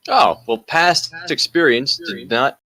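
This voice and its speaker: A man speaking slowly with a pitch that rises and falls a lot, delivering deadpan lines while playing a tabletop game. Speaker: player. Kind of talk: tabletop game banter over voice chat.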